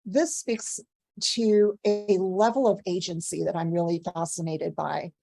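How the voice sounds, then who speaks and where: A woman's voice: fairly low pitch, steady tone, a little slow, gravelly. A young woman PhD student giving an earnest academic conference talk. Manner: warm, earnest, guides the listener through a breathing exercise. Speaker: PhD student presenting research.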